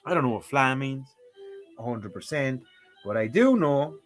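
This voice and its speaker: A streamer learning a language chats casually on a livestream while working through a lesson, joking and tossing in mock exclamations. His voice is medium-pitched and expressive at a normal speed, with soft music in the background.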